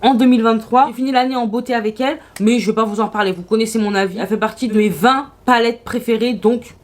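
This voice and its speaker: A woman's voice: a little high, fairly even intonation, fast talker. A woman vlogging casually about her makeup, gushing and exclamatory in a chatty way. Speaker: beauty vlogger.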